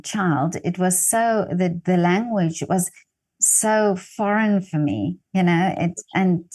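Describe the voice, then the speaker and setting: South african woman w afrikaans accent, native afrikaans, lowish voice, chatty interview, kinda halting. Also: a little mellow. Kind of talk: casual conversational interview.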